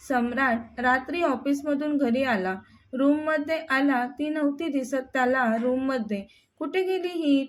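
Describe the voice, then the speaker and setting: Woman storyteller, high pitch, steady narration, scripted reading.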